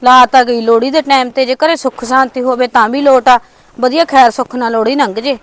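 A soothing, peacemaking grown daughter, played by a woman in a homemade family drama. She pleads gently in a high voice at a brisk pace. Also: steady tone, natural voice. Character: grown married daughter visiting her mother, peacemaker.

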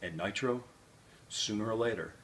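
A middle-aged man delivering a wrestling promo as a pro wrestler, boastful and confrontational, with emphatic pauses. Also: on the low side, a bit bright. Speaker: professional wrestler. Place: small plain indoor room with a banner. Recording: faint background room noise.

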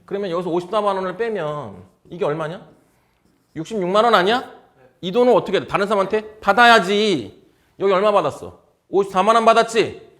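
A man's voice: sits high, brisk, fairly bright tone. A man lecturing on exam math problems in casual speech, drilling students with constant check questions. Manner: blunt informal speech.

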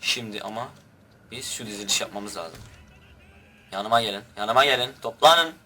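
A man's voice: fairly low pitch, moderate pace, bright, forceful tone, a little hiss or hum. A young man giving rowdy, crude commentary over his own gameplay and barking orders at his troops. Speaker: gaming youtuber.

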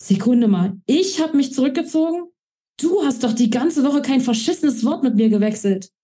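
A woman voicing a moody, gruff young male rock frontman who talks curtly and swears. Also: on the high side, a little fast, mellow, lightly acted. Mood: indignant. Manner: curt, swearing.

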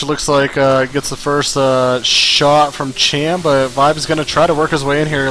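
A man doing solo play-by-play commentary on a strategy game, tired after a long day, chatty and loose, often restarting his sentences. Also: on the high side. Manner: relaxed, chatty, self-correcting, occasional laughs. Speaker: esports caster.

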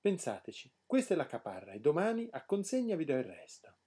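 A feisty, self-assured old nurse woman from a fairy tale, put on by a man reading the story. She talks briskly and bossily in a husky, raised voice. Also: on the high side, huge pitch swings, dark tone, exaggerated voice. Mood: bossy.

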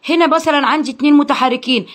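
A young Egyptian woman teaching English pronunciation to children, drilling sounds slowly and praising cheerfully. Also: high-pitched. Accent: Egyptian Arabic. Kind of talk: phonics lesson for children.

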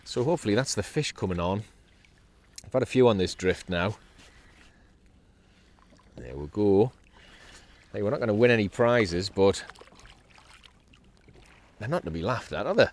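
A man's voice: fairly low pitch, normal speed, long pauses. Chatty man fishing from a kayak. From North East England. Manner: chatty and upbeat, with excited bursts when a fish is hooked. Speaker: kayak angler. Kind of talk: casual fishing vlog commentary. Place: on a kayak out at sea, outdoors. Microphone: action camera mounted on the kayak.

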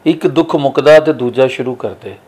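A man's voice: medium pitch, unhurried, darkish tone, husky. A man with a Punjabi accent, an interviewer giving a polite, formulaic sign-off to viewers.

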